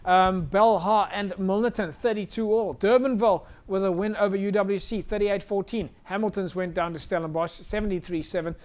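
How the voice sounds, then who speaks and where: A man's voice: high-pitched, fairly even intonation, moderate pace, hardly any pauses. A South African man hosting a live rugby show, presenting casually in a chatty, hesitant way.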